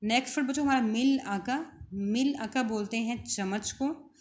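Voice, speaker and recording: A woman with a Pakistani Urdu accent teaching a vocabulary lesson, repeating each word slowly for her students. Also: on the high side.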